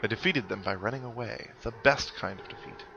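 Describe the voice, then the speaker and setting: Over video game music, a man plays through a game and reads its text aloud, adding casual, dryly joking commentary. His voice is on the low side and gravelly, a little fast, and the sound is lo-fi.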